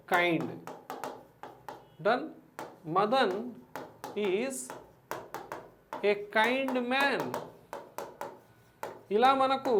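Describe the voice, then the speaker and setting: A man teaching an exam-prep English lesson, often checking in with quick questions to his students and slowing down to spell out example sentences. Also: high voice, a little hiss or hum. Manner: checks in with frequent quiz questions to the class.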